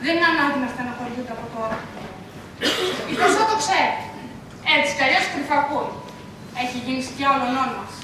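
A woman in a school play portrays a worried, pious mother, fervently praying, lamenting, and pleading. Her high voice pauses often and stays close to everyday speech, recorded by a far-off camera mic on an echoey stage with background noise.

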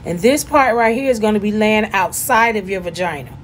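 A woman, chatting loudly and jokingly as she gives a casual demonstration at home. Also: mid-range voice, a little fast, a little hiss or hum. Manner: chatty, joking, loud and animated. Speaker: vlogger giving a demonstration.

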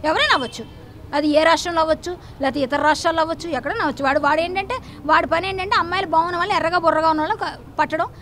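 Fiery fast-talking woman. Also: sits high, fairly bright tone, slight background noise. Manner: fiery, defiant, rapid-fire and accusatory. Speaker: interviewee. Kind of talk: heated news interview.

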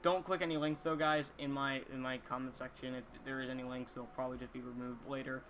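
A fourteen-year-old boy vlogging casually to viewers, talking in an earnest, halting way with repeated words. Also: mid-range voice, little pitch movement, a bit bright, a little hiss or hum. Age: teenager, 14. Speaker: YouTuber reading viewer comments. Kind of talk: casual chat to camera. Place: small indoor room, gaming chair.

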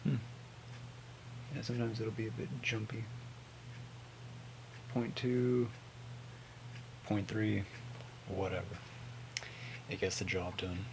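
A man in his twenties giving a casual, mumbled, sweary product review on a low-volume webcam recording. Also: flat delivery, slow pace, vocal fry, pauses often, background noise. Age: 20s. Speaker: vape reviewer. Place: small home room with hanging clothes.

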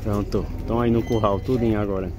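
A man's voice: lowish voice, fairly even intonation, fast. A man filming on his phone at an outdoor cattle market, chatting casually to his viewers and pointing things out as he walks. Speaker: vlogger filming a cattle fair. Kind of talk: casual phone-camera commentary. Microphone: handheld phone camera. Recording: crowd noise at an outdoor market. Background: crowd and vehicles at an outdoor fair.

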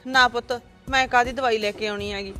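A woman's bright, forceful, steady voice moves a little fast over soft background music as she portrays a grieving older mother in a family drama skit. She pleads and laments with indignation, bristling and answering back when challenged as her pitch rises.

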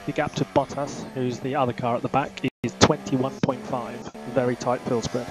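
A man's voice: medium pitch, fairly even intonation, normal speed. Male race engineer over noisy car radio. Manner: clipped, repeats key instructions. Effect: race car team radio. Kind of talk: terse race car team radio instructions. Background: car engine noise.

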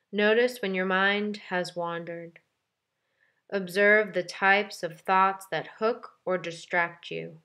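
A meditation guide and yoga teacher with a slightly low voice leads a very slow meditation. Calm and gentle, she gives measured instructions and deliberately leaves space between her phrases.

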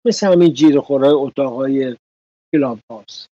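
A man's voice: mid-range voice, dark tone, no echo, dull audio. A man hosting a political commentary show, talking indignantly and sarcastically in a studio.

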